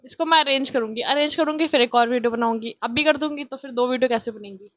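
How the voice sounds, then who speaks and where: A young woman from India with a childlike voice, chatting loudly and excitably through a casual vlog, filmed on a phone on a tripod. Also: sits high, quick pace, dry recording, highs cut off. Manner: chatty, self-mocking, loud and excitable. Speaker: vlogger.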